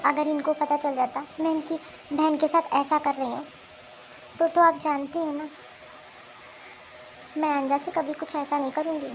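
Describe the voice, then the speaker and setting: A woman's voice: high voice, little pitch movement, normal speed, pauses often, a little hiss or hum, poor audio. A remorseful middle-aged mother-in-law. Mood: earnest. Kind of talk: animated cartoon voice acting.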